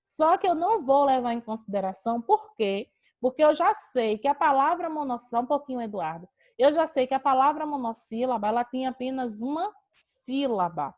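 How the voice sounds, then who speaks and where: Her intonation lively and her pace a little fast, a Brazilian woman teaches grammar in an online class. The voice is slightly high and a bit mellow. She asks herself a question about each rule and answers it, explaining everything patiently, with sound typical of a video call.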